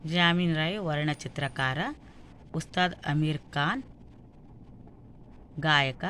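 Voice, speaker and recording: A woman's voice: deep voice, slow, bright, forceful tone, a little hiss or hum. A woman with a North Karnataka accent reading out exam questions and answers like a teacher, item by item. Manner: instructional, listing answers item by item.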